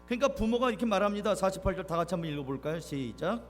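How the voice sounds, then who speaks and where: A man's voice: high-pitched, animated, racing, long reverb tail, soft background music. A man preaching a sermon in a church, talking conversationally with the congregation and acting out quoted parents with rising emphasis. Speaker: pastor. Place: church sanctuary.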